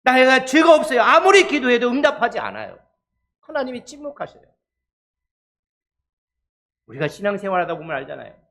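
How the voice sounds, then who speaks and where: A male pastor delivers a sermon in a high, light voice. He keeps putting questions to his listeners and slips into the voices of suffering believers to make his point. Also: fairly bright tone. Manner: asks the congregation questions and acts out voices of the persecuted.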